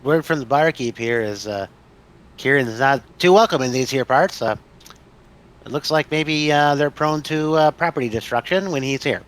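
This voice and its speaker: A man's voice: mid-range voice, moderate pace, a bit bright, natural voice. A man voicing a small, polite fantasy adventurer in a tabletop game, hesitant and quaintly courteous. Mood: folksy.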